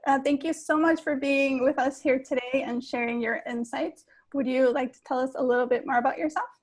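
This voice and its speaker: A woman's voice: high-pitched, steady tone, fairly quick. A woman hosting an online webinar, friendly and chatty, a little distracted while she introduces speakers. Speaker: webinar host.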